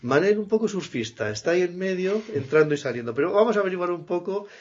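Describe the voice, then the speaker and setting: A man's voice: high-pitched, expressive, quick pace, highs cut off. A man interviewing a guest in casual Spanish conversation, chatty and full of affirming interjections.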